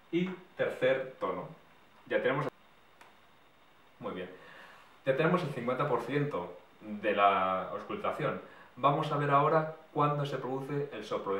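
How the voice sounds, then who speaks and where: A man's voice: mid-range voice, a bit bright. A man giving a medical exam lesson, explaining step by step and recapping in short lists. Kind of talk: explanatory lecture. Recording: echoey room, mic at a distance.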